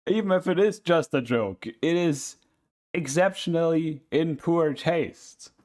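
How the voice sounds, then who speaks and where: A man's voice: fairly high pitch, a little slow, a little mellow. A man doing casual reaction chat as a VTuber, dropping in exasperated, incredulous asides.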